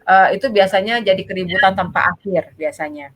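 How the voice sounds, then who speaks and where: A woman's voice: medium pitch, steady tone, a little fast, poor audio. A woman child psychologist, giving parenting advice in a casual talk and explaining patiently with frequent tag phrases. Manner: explains patiently, keeps repeating "gitu ya".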